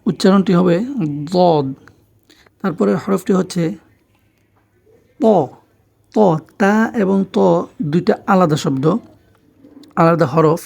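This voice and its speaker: A man's voice: high voice, steady tone, normal speed, creaky. A man teaching Arabic letter pronunciation in Bengali, patiently repeating each sound several times and explaining where the tongue and lips go. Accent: Bangladeshi Bengali. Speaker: Quran teacher. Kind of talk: pronunciation lesson.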